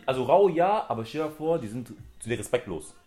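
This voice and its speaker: A man in relaxed casual chat, talking quickly in slangy talk with lots of fillers. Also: mid-range voice, faint music behind.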